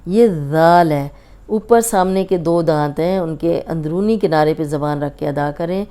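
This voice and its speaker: A woman with a Pakistani Urdu accent teaching a Quran recitation lesson, drilling drawn-out syllables and patiently explaining each sound. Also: sits low, dark tone, clean tone. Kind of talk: slow instructional recitation lesson.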